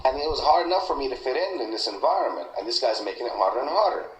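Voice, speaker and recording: A man in a recorded interview, telling an aggrieved story haltingly, with many restarts. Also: medium pitch, animated. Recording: echoey room with faint noise.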